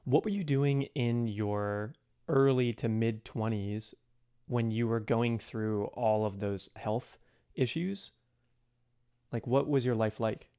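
A man's voice: mid-range voice, takes it slowly, warm tone, clean tone. A man hosting an interview, asking curious, attentive questions.

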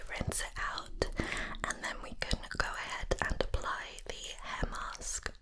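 Slow, softly whispering woman in spa role-play. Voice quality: soft breathy whisper. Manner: gentle, soothing spa-attendant delivery. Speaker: hair and scalp spa therapist in role-play.

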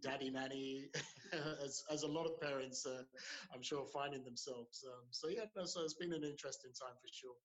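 A man's voice: medium pitch, steady tone, normal speed, low-quality recording. A man in his thirties speaking as a podcast guest, easygoing, laughing often and using many fillers. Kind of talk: casual podcast interview.

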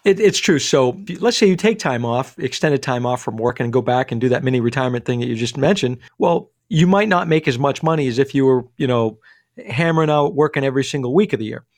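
A man who works as a financial advisor discusses money and retirement on a call-in radio show, speaking quickly and energetically with many restarts and fillers. His mid-range voice is captured in a dry, clean studio recording.

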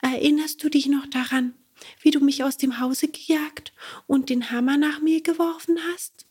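A woman voicing a small, wise cricket in a storybook reading, with a thin, whispery high voice. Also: level tone, unhurried, darkish tone, husky. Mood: reproachful. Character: small wise cricket, stern but kind.

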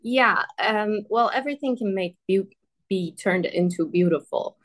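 She's an artist guest from Iran, a native speaker of Persian, answering interview questions in a medium-pitched voice at a slightly slow pace. Her answers are hesitant, peppered with "um" and "like", and broken up by frequent laughter.

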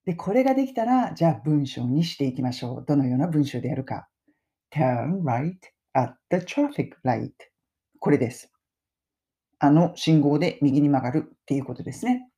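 A middle-aged woman hosting a casual spoken lesson, chatting and slowly modelling English phrases for listeners to repeat. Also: low-pitched, animated, warm tone. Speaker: English pronunciation teacher and podcast host.

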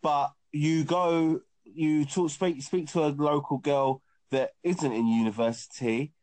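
Man, joking co-host, dry sound, a bit high. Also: steady tone, unhurried, darkish tone, no room sound. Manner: teasing, joking. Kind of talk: casual chat.

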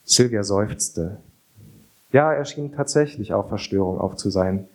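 A man narrating an audiobook in a calm, expressive reading. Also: on the low side, a little slow. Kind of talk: scripted narration.

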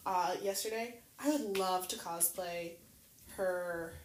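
Casual woman in an echoey room. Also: lowish voice. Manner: halting, many fillers and restarts. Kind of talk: casual chat. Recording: roomy echo, faint noise.

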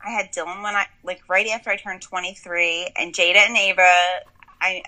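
Bright-voiced South Jersey woman. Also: fairly low pitch, fairly quick, rough recording. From New Jersey. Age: 30s. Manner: animated, joking. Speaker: comedian, guest. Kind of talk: casual chat.

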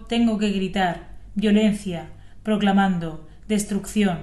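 A woman serving as lay reader, reading scripture aloud at a measured, even pace. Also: medium pitch. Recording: echoey church.

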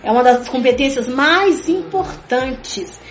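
High-voiced woman teaching faith in an echoey room. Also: expressive, slow, fairly bright tone. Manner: repetitive, keeps addressing listeners as "gente"; earnest and emphatic. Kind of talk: conversational religious talk. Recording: echoey room, dull sound, faint music.

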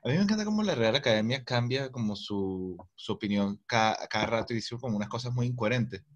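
A man's voice: medium pitch, animated, fast talker, muffled recording. A Venezuelan man chats on a podcast in a loose, joking way. He rambles, restarts his sentences and laughs along with his co-hosts. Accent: Venezuelan Spanish. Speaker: podcast co-host. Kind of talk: casual podcast chat.

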